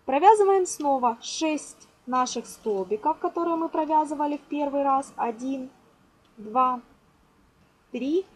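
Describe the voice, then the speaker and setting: A woman with a high voice and measured pace hosts a casual craft tutorial, guiding viewers patiently step by step, counting out loud and using fond diminutive words. She's seated indoors at a table, and the amateur home recording has poor audio and clear background noise.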